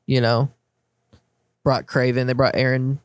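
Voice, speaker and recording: A man co-hosting a casual movie podcast, measured and a bit skeptical, often giving short agreements. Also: mid-range voice, flat delivery, no room sound. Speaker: podcast co-host.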